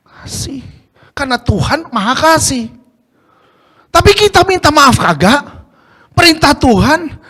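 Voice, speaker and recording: Guy preaching casual in church, really high voice, keeps asking the crowd stuff. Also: sharp tone. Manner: chatty, rhetorical questions to the congregation. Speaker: pastor. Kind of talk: casual Jakarta-slang sermon.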